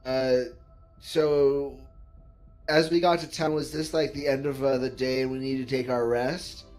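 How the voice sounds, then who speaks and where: A man's voice: medium pitch, level tone, a little slow, darkish tone, faint music behind, rough recording. A man chatting casually as a player in a tabletop game. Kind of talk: casual chat.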